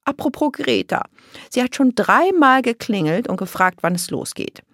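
A woman's voice: on the high side, very animated, moderate pace, a bit bright, no room sound, studio quality, voice pushed up. Woman doing a cheerful grandmother.

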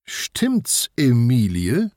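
A man's voice: medium pitch, wildly swooping pitch, drawn-out words, dry recording, studio quality, pitched above the performer's own voice, full character voice. A man voicing a strict, scolding female shopkeeper in a children's storybook. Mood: bossy. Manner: scolding, sharp. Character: strict bossy shopkeeper sister.

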